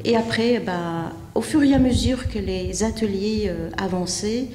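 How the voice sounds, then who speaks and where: A middle-aged Belgian woman, a member of a community association, tells her own story unscripted in an interview, speaking hesitantly and in a measured way with frequent pauses. Her voice is mid-range and mellow, and the echoey hall carries faint background noise.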